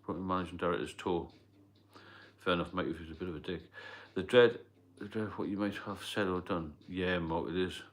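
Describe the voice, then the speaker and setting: A low-voiced man with a steady tone speaks a little fast as he runs a casual livestream. He wanders from topic to topic in plain terms, picking up viewer comments along the way.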